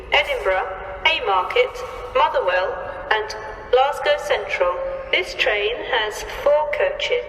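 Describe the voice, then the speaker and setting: A woman giving automated railway station announcements over a public address loudspeaker in measured, evenly spaced phrases. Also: high voice. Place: large railway station concourse. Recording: echoey station hall from far off.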